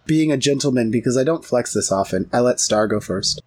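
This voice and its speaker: A man's voice: mid-range voice, animated, fairly quick, a little mellow. A man playing a tabletop game, casually describing his character's actions in a blunt, wry way. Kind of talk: casual in-game role-play and banter.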